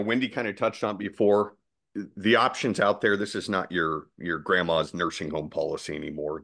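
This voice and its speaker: Low-voiced insurance guy on a webinar panel, chatty and persuasive. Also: fairly bright tone. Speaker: insurance carrier representative.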